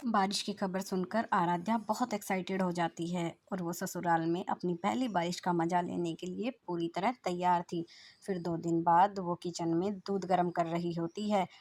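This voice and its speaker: A woman telling a moral story in a steady, expressive narrating voice. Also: on the low side, moderate pace, no echo.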